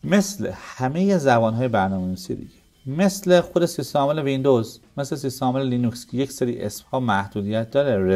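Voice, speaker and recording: A man at a middle pitch walks through code in a screen-recorded tutorial, asking a question and then answering it himself. Faint guitar music plays quietly behind his voice. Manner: explains step by step, asks and answers his own questions. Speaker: programming teacher.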